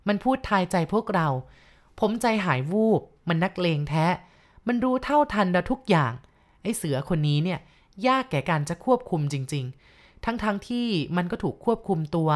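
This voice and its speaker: A woman's voice: on the low side, lively intonation, normal speed. Woman reading a ghost story.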